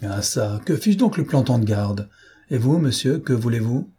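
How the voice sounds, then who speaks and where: A man voicing a grumpy middle-aged warrant officer in a legion barracks, gruff and grumbling. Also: mid-range voice, lively intonation, normal speed, dark tone.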